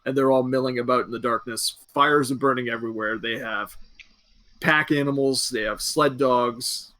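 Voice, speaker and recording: A man's voice: medium pitch, fairly even intonation, moderate pace, bright, forceful tone. Easygoing male game master narrating. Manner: descriptive, easygoing, with verbal fillers.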